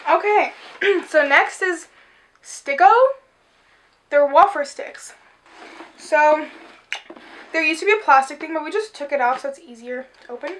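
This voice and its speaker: A young woman hosting a casual candy taste-test, chatty and quick to say things are gross. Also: high-pitched, fairly bright tone, slight background noise, poor audio. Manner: chatty, easily grossed out, giggly. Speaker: host.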